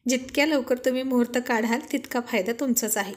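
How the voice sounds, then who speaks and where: A woman voicing a shy young mother who laughs and gently scolds her husband in a storybook reading. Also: fairly high pitch, quick pace, natural voice. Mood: playful.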